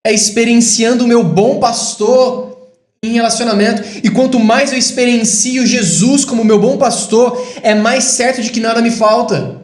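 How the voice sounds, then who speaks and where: Um homem brasileiro pregando um sermão, alternando declarações enfáticas que sobem com comentários baixos e reflexivos. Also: male voice, steady tone, moderate pace, reverberant. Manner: rises to emphatic high declarations, drops to quiet reflective asides. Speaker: preacher. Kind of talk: sermon.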